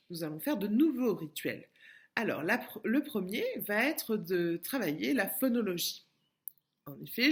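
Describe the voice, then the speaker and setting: A woman with a French accent giving a remote phonics lesson to young children, with careful, clearly split syllables and patient explanations. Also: mid-range voice. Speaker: kindergarten teacher.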